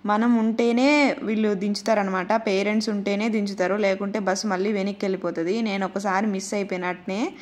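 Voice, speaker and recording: A woman's voice: mid-range voice, steady tone, brisk, a little mellow. A woman in her thirties with a Rayalaseema Telugu accent, chatting through her family's daily routine as a vlogger and mother. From Andhra Pradesh, India. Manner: chatty, homely storytelling. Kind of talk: casual narrated vlog voice-over.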